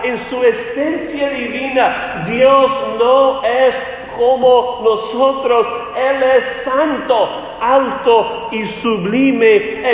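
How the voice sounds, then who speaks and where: A man preaching a sermon slowly and deliberately, his voice dipping low and rising again for emphasis. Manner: slow, deliberate preaching with dramatic dips and rises. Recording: echoey hall with long reverb.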